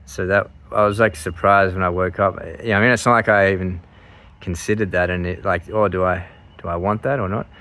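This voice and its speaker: A man's voice: low voice, fairly even intonation, fairly quick, sharp tone. A man in his mid thirties chatting casually to his viewers, rambling and hesitant as he breaks into his own sentences. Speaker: vlogger sharing surgery recovery update.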